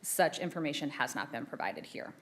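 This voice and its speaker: A woman attorney presenting an oral argument in a courtroom, measured and formal, answering the judges' questions with occasional restarts. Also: low-pitched, lively intonation, fairly bright tone. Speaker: assistant attorney general arguing an appeal.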